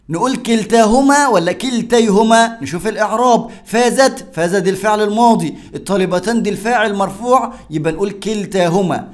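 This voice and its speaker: A man speaking with an Egyptian accent, teaching a grammar lesson step by step and answering his own questions. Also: sits high. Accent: Egyptian Arabic.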